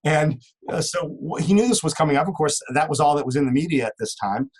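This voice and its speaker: A man's voice: fairly high pitch, expressive, fast, breathy edge, poor audio. A man talking as a guest in a casual interview, rambling with many restarts and fillers.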